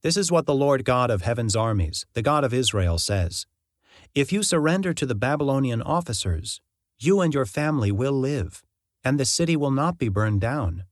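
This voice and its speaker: A man giving voice to a grave old prophet, speaking in steady, solemn warnings. The sound is dry and close with no room around it, and the pitch sits at an ordinary middle. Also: moderate pace, no echo, natural voice. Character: prophet Jeremiah, grave bold older man.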